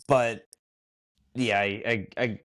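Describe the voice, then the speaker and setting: Man, podcast co-host, lowish voice, hesitant, halting restarts, casual chat. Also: steady tone, fairly bright tone.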